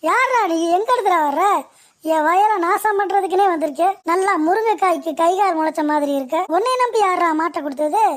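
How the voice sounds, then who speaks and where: An indignant male farmer, as a woman puts him on in a cartoon comedy. His voice is pitched very high. He makes loud, angry demands. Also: fairly quick.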